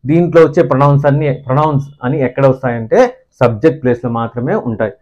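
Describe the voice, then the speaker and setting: Male grammar teacher with a Telugu accent, medium pitch, slightly dull lo-fi sound, reads definitions slowly and explains fast. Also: a little mellow. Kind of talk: classroom-style grammar lesson.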